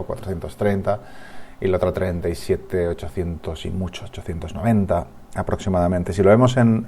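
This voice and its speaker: A man's voice: deep voice, dark tone, a little hiss or hum. A man with a Spanish accent from Spain, giving a market analysis over charts as a trading analyst, thinking aloud with frequent restarts and tag questions.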